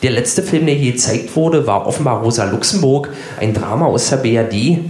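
A man's voice: mid-range voice, animated, a little fast, a little mellow, roomy sound. A man in his forties from East Berlin, telling a childhood story with wry irony. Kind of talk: comic storytelling.

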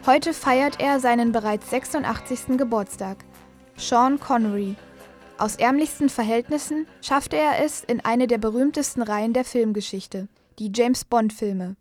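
Higher-pitched female news narrator. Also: normal speed, a little mellow, faint music behind. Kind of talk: scripted biographical news narration. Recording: dry studio voice-over.

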